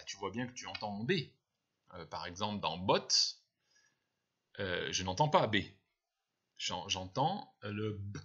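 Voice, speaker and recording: A man's voice: fairly low pitch, bright, forceful tone, husky. A male first-grade teacher casually explaining to parents how to practise letter sounds, patient and full of fillers and restarts. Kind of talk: casual spoken advice to parents. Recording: dull lo-fi recording.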